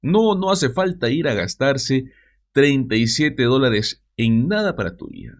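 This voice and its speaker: A man's voice: mid-range voice, expressive, unhurried. A man hosting a news commentary show, talking straight to his viewers with mocking asides.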